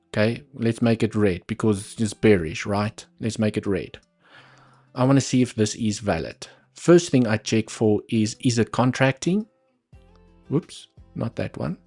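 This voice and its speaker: Low and a little mellow, this man's voice carries a South African accent; Afrikaans is his first language. As a livestream trading host, he thinks aloud over the charts with muttered asides in live market analysis commentary.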